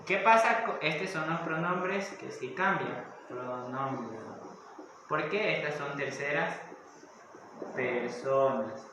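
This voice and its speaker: Male teacher, slow patient explanations, echoey room, faint background hiss. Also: fairly high pitch. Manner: explains step by step with frequent checking questions. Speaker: English teacher. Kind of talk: recorded classroom lesson.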